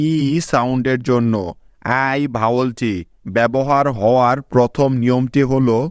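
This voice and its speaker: Guy teaching english phonics real slow, smooth clear voice, dry close mic. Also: medium pitch, no room sound. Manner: measured, instructive, addresses students as guys. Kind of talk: slow scripted lesson narration.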